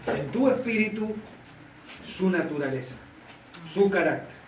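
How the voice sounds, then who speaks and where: A man delivers a sermon, checking in with his listeners again and again. His voice sits a little high for a man. He is recorded from some way off in an echoey room. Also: expressive, measured pace, a little hiss or hum. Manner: asks the congregation for constant confirmation. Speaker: pastor. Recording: echoey room, mic at a distance.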